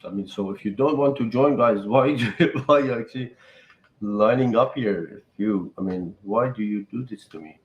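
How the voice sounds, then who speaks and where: Halting Iranian-born man hosting a live stream. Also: lowish voice, roomy sound, muffled recording. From Iran. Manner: halting, chatty, talks to viewers. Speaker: live podcast host. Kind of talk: casual live-stream chat.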